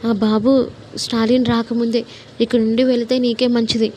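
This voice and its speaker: A stern older father from a told story, as a woman narrator puts him on. He hurls harsh rebukes. The voice stays mellow, fairly high and even in pitch. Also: normal speed, slight background noise, close to an everyday voice. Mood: angry.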